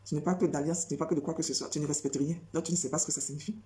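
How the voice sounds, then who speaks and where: A woman preaching a sermon in a low, mellow voice. She presses her points by repeating phrases over and over and throwing rhetorical questions at the congregation. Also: steady tone, rapid-fire.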